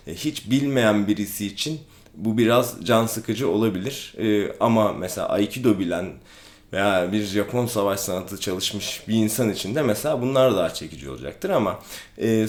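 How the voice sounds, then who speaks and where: Man, calm explanatory vlog talk, hesitant fillers, lowish voice, roomy echo. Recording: echoey room.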